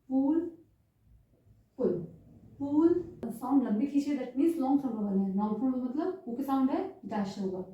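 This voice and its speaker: Woman, stenography tutor, high voice, slow and deliberate, dark mellow tone, drawn-out demo vowels. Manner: stretches out vowel sounds to demonstrate them. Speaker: stenography teacher. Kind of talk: slow step-by-step lesson, mixing English terms. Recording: roomy, distant, muffled sound.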